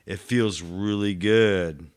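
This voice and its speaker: A man with a low voice chatting casually on a podcast, sincere and emotional in tone. His speech is loose and full of "like" as he works through his thoughts. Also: slow. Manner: heartfelt, filler-heavy, says "like" constantly. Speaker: podcast co-host. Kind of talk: casual chat.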